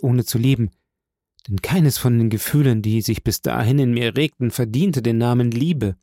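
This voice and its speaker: A man's voice: medium pitch, dark tone, no echo, studio quality. A man voicing a grieving young male soldier, speaking with rising passion and pleading outbursts.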